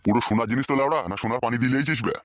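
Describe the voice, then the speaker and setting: A man voicing a stingy old village uncle in a comedy cartoon, gruff and swearing while he haggles. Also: mid-range voice, racing, no echo, close to an everyday voice.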